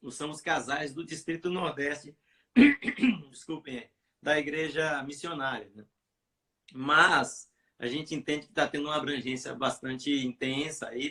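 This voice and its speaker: A man's voice: on the high side, sharp tone. A man with a Brazilian accent, a pastor hosting a church live stream in casual chat, rambling with many fillers and restarts. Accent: Brazilian Portuguese.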